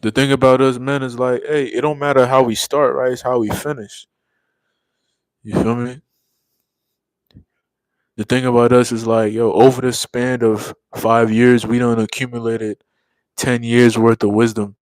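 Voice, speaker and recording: Reading comments on his casual stream, a tired young man yawns and drawls in laid-back slang after a long day. His medium-pitched voice stays level at a normal speed, broken by long pauses, and the recording is dry.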